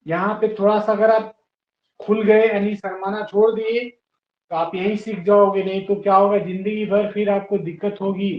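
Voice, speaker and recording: Male teacher, high voice, spells words out slowly, patient, roomy dull lo-fi classroom sound. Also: little pitch movement. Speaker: English teacher. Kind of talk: classroom lesson.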